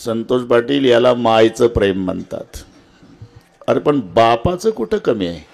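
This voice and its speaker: A man preaching a devotional kirtan sermon, swinging from low murmurs to high impassioned cries and asking the audience direct rhetorical questions. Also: expressive, unhurried, vocal fry, darkish tone, faint music behind.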